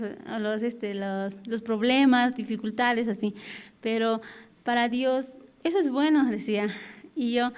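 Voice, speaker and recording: A woman shares a personal testimony at a prayer service. Her voice sits a little high and sounds smooth and clear. She speaks in a halting, hesitant way and keeps circling back on small filler words. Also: a little mellow. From Bolivia. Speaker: church member giving testimony.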